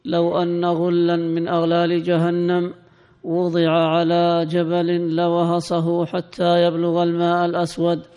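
A man reads a classical text aloud in a high, unvarying recitation, his voice smooth and resonant. A long reverb trails his words in a hall. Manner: recites in a steady, lilting reading tone. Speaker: student reading the text aloud. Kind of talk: chanted reading of a classical text.

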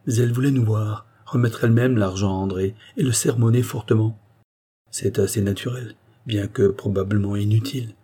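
A man's voice: fairly low pitch, fairly even intonation, moderate pace, warm tone, breathy edge. A man reading a novel aloud, voicing a distressed young woman who pleads earnestly for her brother. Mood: anxious pleading.

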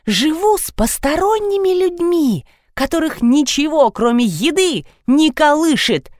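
A woman's voice: a little high, animated, moderate pace, no room sound, studio quality, voice pushed up, lightly acted. A woman reading a story, voicing a touchy, dramatic teenage girl who whines and sulks. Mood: offended. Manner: whiny, dramatic.

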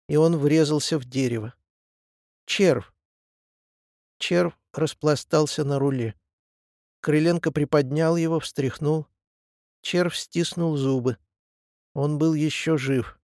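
Man, audiobook narration, even measured reading, gravelly, dry room. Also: on the high side, no echo. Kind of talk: scripted narration.

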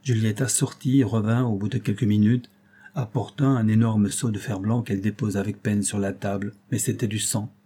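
A man narrates a classic tale for an audiobook in a measured, dramatic way. His voice is low and mellow, with a husky edge. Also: steady tone. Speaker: audiobook reader.

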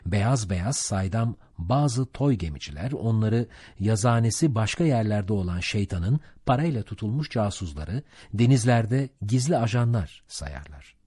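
A male audiobook narrator tells a sea story in measured scripted narration. His voice is low and husky, with a lively rise and fall. The recording is close and dry. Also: dry recording.

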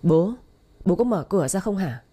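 A woman voicing an angry, bullying young husband who shouts and sneers in an audio story. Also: fairly low pitch, animated, moderate pace, husky.

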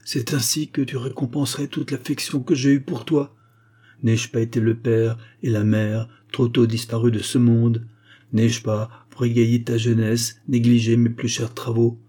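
A man's voice: mid-range voice, little pitch movement, moderate pace, mellow, close to an everyday voice. A man reading a devoted aging scribe. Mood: pleading. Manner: earnest and reproachful.

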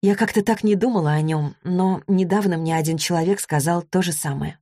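A woman's voice: lowish voice, a little fast, dark tone, no room sound, clean studio sound, close to an everyday voice. A woman reading a story, voicing an anxious, affectionate teenage girl who talks in an eager, pleading way. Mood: earnest.

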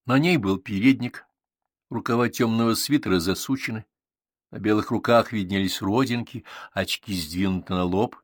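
Calm male audiobook narrator, dry sound. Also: lowish voice, moderate pace, no echo. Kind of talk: scripted narration.

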